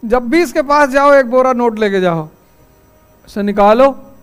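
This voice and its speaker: A man's voice: extremely high pitch, lively intonation, normal speed, a bit bright, smooth. A man teaching a civil services exam class in a classroom, lecturing in a folksy, anecdotal way full of stories.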